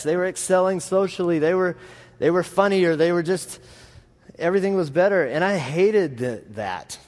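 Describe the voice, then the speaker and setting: Texan preacher with a rural drawl, echoing hall. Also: male voice, sits high, a little mellow. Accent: rural Texas drawl. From Texas, United States. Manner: folksy, rambling, self-deprecating. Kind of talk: conversational sermon with anecdotes. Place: large reverberant room, preaching to a congregation. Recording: reverberant hall sound.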